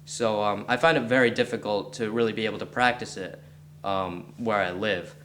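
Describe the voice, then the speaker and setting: A teenage boy from West Virginia answers interview questions plainly and earnestly, with the odd um. His voice is on the low side. A faint hum sits under the recording. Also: steady tone, moderate pace, fairly bright tone. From West Virginia, USA. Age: teens. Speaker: student interviewee.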